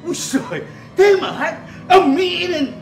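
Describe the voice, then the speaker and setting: A man's voice: extremely high pitch, lively intonation, measured pace, gravelly, full character voice. A man playing a cheeky crude neighbor. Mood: mocking. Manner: teasing, drawling. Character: cheeky middle-aged male neighbor, crude and mocking. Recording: echoey room, music behind.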